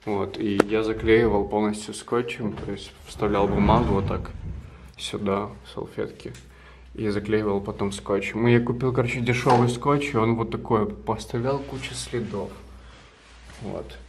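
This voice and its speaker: This twenty-something vlogger speaks at a normal speed, his voice fairly low with fairly even intonation, as he chats casually to the camera. He's in a small apartment room, and the arm's-length handheld camera captures noisy audio along with room ambience.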